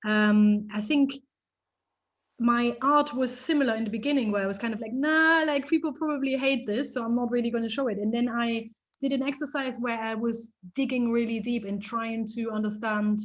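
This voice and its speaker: A woman from East Germany, a photographer, telling stories in a casual interview with lively restarts and laughter. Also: fairly high pitch, normal speed, low-quality recording. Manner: animated storytelling, frequent restarts and laughs.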